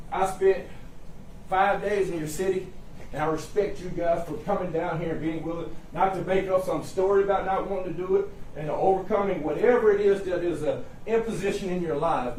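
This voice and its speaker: A man with a high-set voice argues as a defense attorney in a roomy, reverberant courtroom, picked up from a distance. He is impassioned and folksy, hammering short phrases and repeating them for emphasis as he appeals to the jury. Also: darkish tone. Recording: roomy echo, distant mic, faint noise.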